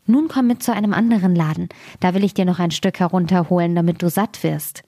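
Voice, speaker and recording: A woman reading a fairy tale aloud, voicing a bold, vengeful male sparrow in a high, sharp, taunting tone. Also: a little fast, dry recording, clean studio sound. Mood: friendly. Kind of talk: storybook reading.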